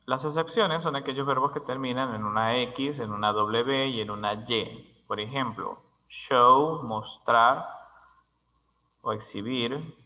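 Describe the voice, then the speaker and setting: Male language teacher, unhurried and methodical, crisp tone, long room reverb. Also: mid-range voice, pushed and bright. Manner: slow, deliberate, spells words letter by letter. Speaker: English teacher. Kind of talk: grammar lesson.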